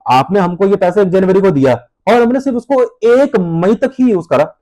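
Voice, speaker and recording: In a Hindi classroom lecture, a high-pitched man with a dark tone teaches accounts at normal speed, sounding expressive. His style is conversational: he addresses students as "beta", speaks their replies for them, corrects himself often, and repeats key terms.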